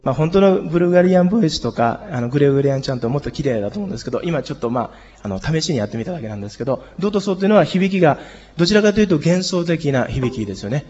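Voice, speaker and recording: A hoarse man teaching a group singing lesson, explaining harmony and leading the class in exercises. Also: a little high, expressive, racing, a little mellow, in a large hall, muffled recording, faint music behind. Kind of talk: music lesson.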